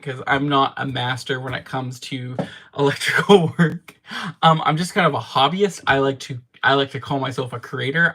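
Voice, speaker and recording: With a fairly high, fairly bright voice, a man from Canada streams from his game room. He responds to viewers' comments in a loose, rambling way, frequently laughing at himself during the casual chat.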